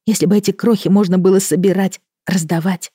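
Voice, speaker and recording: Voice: medium pitch, fairly even intonation, a little fast, warm tone, husky, dry recording, clean studio sound, voice pushed up, close to an everyday voice. A reader voicing an anxious, fiery young sorceress girl in an audiobook, with urgent, pleading questions. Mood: earnest. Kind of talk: audiobook character voice.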